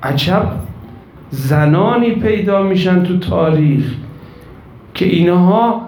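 Brief: male preacher, high-pitched, passionate storytelling sermon, echoey hall sound. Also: darkish tone, slight background noise. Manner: impassioned storytelling, addresses women listeners directly. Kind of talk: religious sermon with mourning recital. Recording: echoey room with faint ambience.

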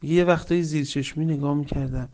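A man preaching a sermon with stories, swinging between loud emphatic lines and soft hushed ones, reciting Quranic verses. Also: fairly high pitch, fairly even intonation. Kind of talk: religious sermon with storytelling.

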